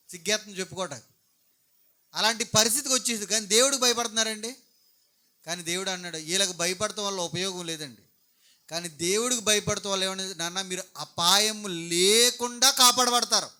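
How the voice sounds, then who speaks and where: A man's voice: sits high, bright, forceful tone. A middle-aged man preaching a sermon, posing questions to the congregation and answering them himself. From Andhra Pradesh. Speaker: pastor.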